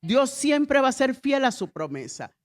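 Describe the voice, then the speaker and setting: A woman's voice: high-pitched, big pitch swings, a little slow. Emphatic woman pastor preaching. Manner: emphatic preaching with repeated refrains and call-and-response. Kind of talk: sermon.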